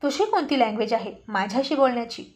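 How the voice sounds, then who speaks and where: A woman reading the lines of a sharp-tongued young wife in a storybook tale, firing pointed questions and firm warnings. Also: fairly high pitch, lively intonation, fast talker, natural voice. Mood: angry.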